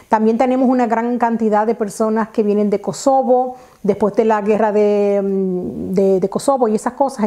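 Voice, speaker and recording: Dominican woman in her thirties, casual vlog storytelling, fairly high voice, mellow tone, lapel mic at home. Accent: Dominican Spanish. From Dominican Republic. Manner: chatty, animated hand gestures, many fillers and restarts. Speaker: vlogger. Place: living room at home, indoors.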